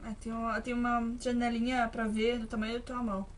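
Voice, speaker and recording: A woman's voice: fairly high pitch, little pitch movement, a little fast, slight background noise. A woman giving nervous let's-play commentary on a horror game, shrieking when startled. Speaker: gaming video host. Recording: game music behind the voice.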